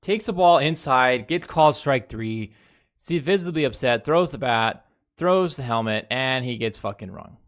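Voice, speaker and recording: A man's voice: medium pitch, expressive, moderate pace. A man runs through a baseball series recap in a loose, casual way. He is blunt and swears freely while breaking down plays from footage. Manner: blunt and heavily profane; talks over game footage, reviewing plays. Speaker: baseball fan commentator. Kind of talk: casual sports recap commentary.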